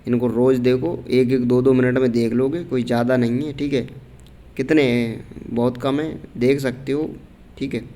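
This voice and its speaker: A man with a warm, medium-pitched voice and level tone teaches a casual exam-prep grammar lesson at normal speed. Speaking informally to students, he reads out answer options, often says "theek hai" and keeps checking that they follow.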